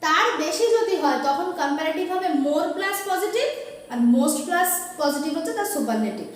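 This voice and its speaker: A woman teacher giving an exam-prep grammar lesson, dictating examples slowly and answering her own questions. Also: very high voice, animated. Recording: echoey room, voice from a distance.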